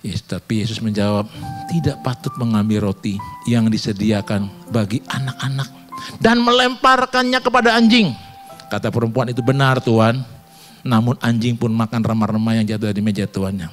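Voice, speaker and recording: A man preaching a sermon in church, shifting from quiet talk to loud, emphatic calls and acting out quotes in slangy banter. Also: on the low side, fairly even intonation, a little fast, soft background music. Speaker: pastor. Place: church hall.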